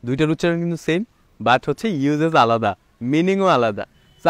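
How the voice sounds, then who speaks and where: A man teaching a video lesson on confusing English words, explaining slowly, repeating points and asking then answering his own questions. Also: fairly high pitch, dry recording.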